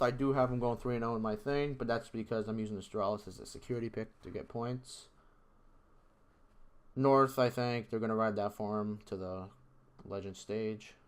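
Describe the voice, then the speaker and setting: A man casually talking through his predictions in a vlog, excitable, rambling and swearing freely. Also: on the low side, clean tone. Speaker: esports video creator.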